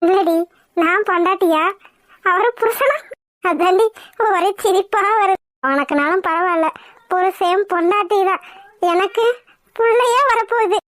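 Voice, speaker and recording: A cheerful young village bride in a cartoon, as a woman voices her, chatty and giggly. Her pitch is very high. The sound is close and dry. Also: unhurried, pauses often, a bit bright, dry recording. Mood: amused. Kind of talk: cartoon voice acting.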